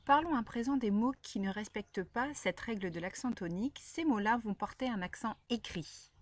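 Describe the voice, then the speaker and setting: A woman teacher calmly explaining pronunciation rules step by step to learners. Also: fairly high pitch, moderate pace, no room sound. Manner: clear, methodical explaining, addresses learners directly. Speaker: Spanish teacher. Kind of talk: explaining a language lesson to camera.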